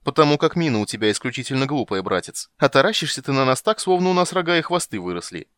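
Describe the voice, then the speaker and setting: A man's voice: medium pitch, sing-song, brisk, fairly bright tone, no echo. A man voicing a boastful, flamboyant male bard in an audiobook, teasing and exclamatory. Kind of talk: audiobook character voice.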